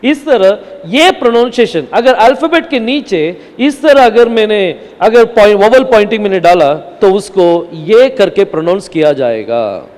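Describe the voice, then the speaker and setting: A man's voice: high-pitched, lively intonation, a little slow, few pauses, darkish tone. A man teaching a Bible language class from a chart, asking the class questions and answering them himself, with English words mixed in. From India. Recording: hall with long reverb.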